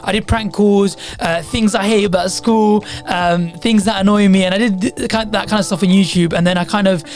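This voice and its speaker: A man's voice: high voice, steady tone, a little fast, faint music behind. A young man in his twenties, a podcast co-host, eagerly telling stories in casual chat and often correcting himself. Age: 20s. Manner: eager storytelling, self-correcting. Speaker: podcast co-host, journalism student.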